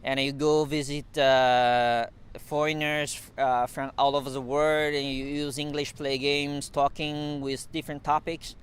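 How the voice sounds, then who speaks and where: This interview guest, a man from China whose first language is Mandarin, talks casually in hesitant, accented English full of fillers and restarts, chuckling from time to time. His voice sits on the high side, clean and level in tone.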